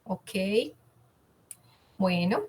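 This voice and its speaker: A woman's voice: very slow, darkish tone. A woman giving an online communication masterclass, chatting and putting questions to her audience. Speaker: communication coach.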